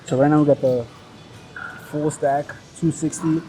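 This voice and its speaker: A man from Nigeria speaks a little slowly in a fairly high voice with fairly even intonation, his English, a second language, carrying a Nigerian accent. As a fitness vlogger, he chats mid-workout to the camera in a joking, slangy, sometimes profane way. A clip-on body mic records him against the noisy chatter of a busy indoor gym.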